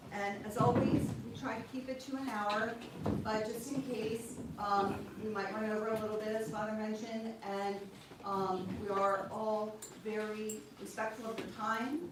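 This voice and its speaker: Woman host from a church committee, halting and informal, recorded far off in a very echoey hall. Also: a little high. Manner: hesitant, informal, many ums and restarts. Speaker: committee member introducing speaker. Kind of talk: event introduction. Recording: echoey room from far off with loud noise.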